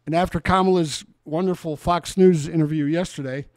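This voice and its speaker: A man's voice: on the high side, fairly even intonation, fairly quick, dry recording. A man of sixty hosting a casual, rambling chat with a guest. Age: 60s. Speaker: host.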